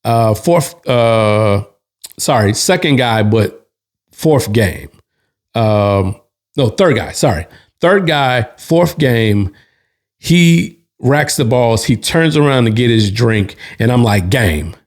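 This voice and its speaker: A man's voice: medium pitch, takes it slowly. Laid-back man spinning a bar story. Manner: relaxed, slangy, with restarts and asides. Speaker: host. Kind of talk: casual storytelling.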